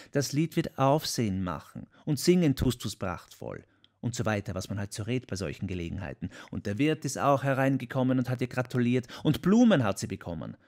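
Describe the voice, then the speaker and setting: A man voicing an excitable, boastful older songwriter in an audiobook, chatty and quick to defend himself. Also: medium pitch, creaky. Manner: chatty, self-defending, emphatic. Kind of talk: audiobook character voice.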